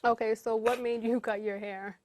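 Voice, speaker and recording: A woman hosting an interview show, upbeat and encouraging, asking quick follow-up questions. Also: fairly high pitch, level tone, darkish tone. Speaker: host. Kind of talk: casual interview.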